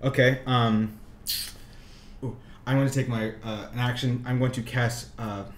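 A man's voice: mid-range voice, little pitch movement, unhurried. Guy player explaining his spell, echoey room, some background hiss. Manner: hesitant, explaining rules. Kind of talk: casual tabletop gaming chat.

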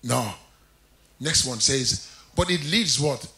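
A man's voice: medium pitch, slow pace, sharp tone. A man preaching a sermon in a church, jovial and laughing often, repeating key phrases with rising emphasis. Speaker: pastor.

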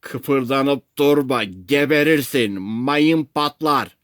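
Man putting on rude rescue sailors in a storybook, shouting abuse by megaphone, raised pitch. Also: moderate pace, dry recording, studio quality, natural voice. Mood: yelling. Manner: yelling insults through a megaphone. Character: angry shouting male lifeboat sailors.

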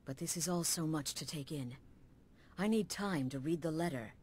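A woman's voice: low voice, normal speed, a little mellow, a little hiss or hum, lightly acted. An actress voicing a hard-edged female assassin guild leader in a video game, blunt and commanding with a wry edge. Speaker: game character.

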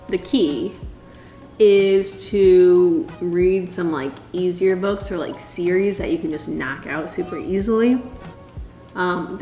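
A woman's voice: fairly low pitch, a little mellow. Young woman chatting while chewing, roomy sound. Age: 20s. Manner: chewing and eating while talking; rambling, informal asides to viewer. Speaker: vlogger. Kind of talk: casual chat over a meal. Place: small room at a dining table, indoors.

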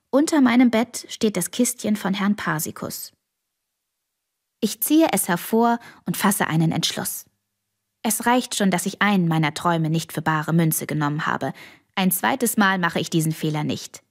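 Audiobook narrator, woman, expressive first-person read, drops to whispers. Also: on the low side, moderate pace.

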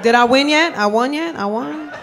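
A young woman from the Bronx doing a sassy, self-mocking stand-up set with quick asides. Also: sits high, gravelly. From Bronx, New York. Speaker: stand-up comedian. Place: comedy club stage before a laughing crowd. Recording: lively crowd laughter and noise. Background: audience laughing and cheering.

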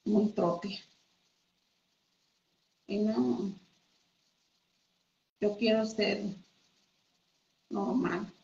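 A woman's voice: mid-range voice, steady tone, drawn-out words, vocal fry, pauses often, a little mellow. Chatty woman teaching crafts, echoey room. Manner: chatty, addresses viewers as friends. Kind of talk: casual live craft class. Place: home room. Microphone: computer mic. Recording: echoey room, dull audio.

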